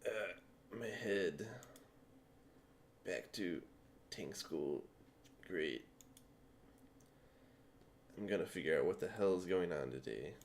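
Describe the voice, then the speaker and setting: Brief: man, lowish voice, dry exasperated game narration. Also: expressive, takes it slowly, vocal fry, long pauses, slight background noise. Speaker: streamer reading the lead character. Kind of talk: casual game playthrough reading.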